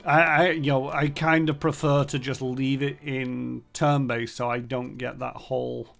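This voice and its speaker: Brief: gravelly man streaming a game, casual, thinking aloud, mid-pitched voice. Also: flat delivery, unhurried, a bit bright, faint music behind. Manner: rambling, thinking aloud with many fillers. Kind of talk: casual gameplay commentary.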